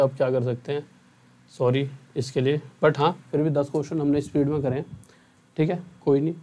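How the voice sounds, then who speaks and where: A man's voice: a little high, a little mellow. Chatty, earnest young male teacher. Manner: chatty and earnest, often asks "theek hai?". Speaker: online exam-prep math teacher. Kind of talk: casual talk to students at end of an online class.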